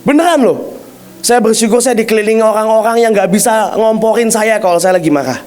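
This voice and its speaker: A man preaching a sermon in an animated way, swinging between loud bursts and hushed, slow phrases. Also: high voice.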